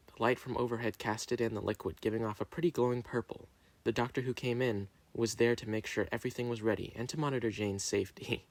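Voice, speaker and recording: A man reading a story dramatically, narrating in a deliberate, theatrical way. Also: medium pitch, dry recording.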